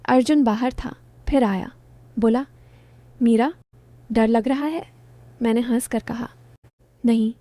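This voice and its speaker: A woman narrating a first-person romantic story in short, gentle sentences. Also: on the high side, slow pace, pauses often, dry recording.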